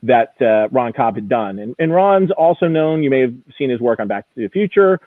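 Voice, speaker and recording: Through a thin, phone-like recording without echo, a man talks fairly quickly in a mid-range voice with lively intonation. He's an auction house executive being interviewed, eagerly and casually going into detail about his field.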